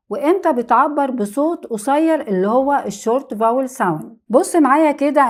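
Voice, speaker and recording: A woman with an Egyptian Arabic accent and a voice on the high side explains the rules for English vowels. Her method is to repeat example words slowly and answer the questions she puts to herself.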